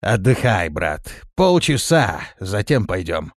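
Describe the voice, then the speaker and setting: A man voicing a calm, blunt young male warrior in an audiobook. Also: deep voice, slow pace, no room sound, clean studio sound, heavily acted.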